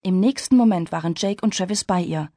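A woman reading a story aloud in steady, measured scripted narration. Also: fairly low pitch, dry recording, clean studio sound. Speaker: audiobook narrator.

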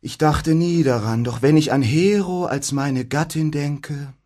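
A man's voice: fairly high pitch, a little slow, mellow, pitched above the performer's own voice. A man doing a smitten young count. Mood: gushing. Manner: gushing, sighing.

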